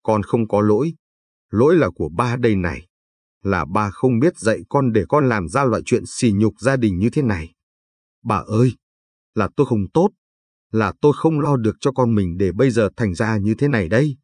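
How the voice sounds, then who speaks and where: A man's voice: lowish voice, expressive, moderate pace, a little mellow, breathy edge, no room sound. A man reading the lines of a stern, grieving older father in a spoken story. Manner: stern, scolding.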